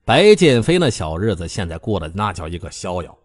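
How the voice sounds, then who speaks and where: Lively male audiobook narrator. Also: low voice, brisk, no room sound. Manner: animated, comic storytelling. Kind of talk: scripted storybook narration.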